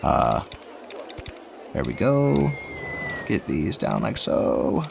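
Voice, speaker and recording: A young man from Washington State, a gaming YouTuber, gives rambling, chatty let's play commentary on a theme park building game, laughing often and talking to himself as he builds. Rough and slightly raspy after an illness, his voice is very deep, with huge pitch swings and a very slow delivery, against a noisy background.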